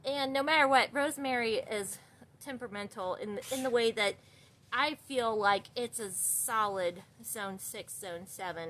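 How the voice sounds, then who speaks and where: A woman's voice: mid-range voice, a bit bright. A woman working at a florist, chatting casually as she walks through the shop showing plants, rambling a little with lots of fillers. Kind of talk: casual walkthrough video. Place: flower shop and garage.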